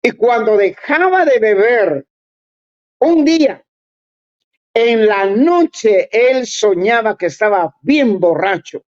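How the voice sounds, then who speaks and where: A preacher delivering a sermon at a slow, deliberate pace, urging the listeners directly. The voice sits in a middle pitch. The recording is muffled and lo-fi. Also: lively intonation, darkish tone. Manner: earnest, exhorting, addresses listeners directly. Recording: dull lo-fi recording.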